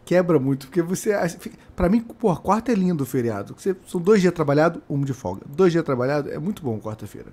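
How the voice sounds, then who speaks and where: Um homem na casa dos trinta com sotaque carioca, contando histórias animadas e imitando falas numa chamada de vídeo de casa. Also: male voice, a little high, fast talker, few pauses. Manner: animated storyteller, acts out quotes. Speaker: podcast co-host. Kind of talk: casual storytelling chat. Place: home room.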